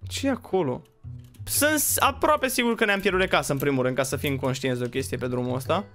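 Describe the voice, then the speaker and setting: A man commenting on his own gameplay as a channel host, excitable and quick to yelp and shout at his in-game pets. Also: a little high, soft background music. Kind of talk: let's play commentary.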